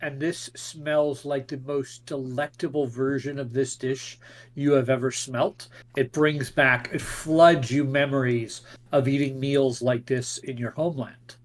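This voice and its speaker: A man acts as game master for a tabletop fantasy game. His voice sits at a middle pitch, and he lays out scenes in deliberate, descriptive phrases. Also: steady tone. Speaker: game master and show host.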